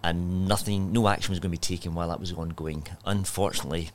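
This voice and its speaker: A man's voice: low-pitched, fairly even intonation, fast, a little hiss or hum. A man with a Scottish accent, a striking union member speaking plainly with hesitant fillers. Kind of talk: casual interview talk.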